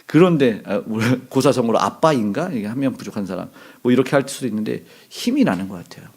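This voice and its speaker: A middle-aged male pastor delivers a conversational sermon, quizzing the congregation and acting out quoted lines with sudden loud bursts. His husky, medium-pitched voice moves at a quick pace with lively intonation.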